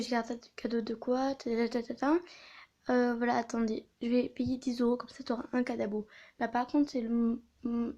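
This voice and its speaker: A woman telling a story in a casual video, talking quietly and hesitantly with many fillers and restarts. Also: on the high side, dull audio. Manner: soft-spoken, quiet. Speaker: video creator.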